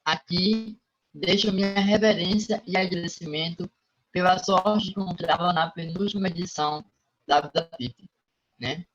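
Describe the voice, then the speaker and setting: A man's voice: high-pitched, normal speed, a bit bright. Man on a choppy, cutting-out video call. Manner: formal, hesitant, many fillers and restarts. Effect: choppy internet audio cutting out. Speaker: conference presenter of his master's dissertation. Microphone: computer microphone on a video call. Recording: lo-fi, breaking-up video call audio.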